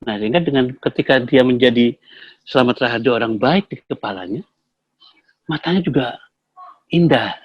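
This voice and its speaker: An older man speaks as a seasoned acting teacher, calm and mid-pitched, telling stories and slipping into the voices of the students he quotes. The sound is dry and a little dull, with no room around it. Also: moderate pace, pauses often, husky, no room sound. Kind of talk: casual talk show conversation.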